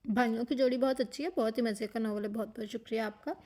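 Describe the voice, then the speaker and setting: A woman with a sore, hoarse throat, chatting casually as a channel host while reading viewer comments, slipping English phrases into her speech. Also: on the high side, steady tone, fast talker, mellow. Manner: talks while eating. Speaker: novel narrator and channel host.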